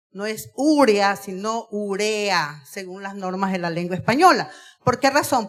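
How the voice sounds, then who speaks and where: A woman's voice: on the high side, fairly bright tone. A woman giving a talk on usage to students in a school auditorium, drawing out key words and putting questions to the audience. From Ecuador. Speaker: guest speaker on Spanish usage.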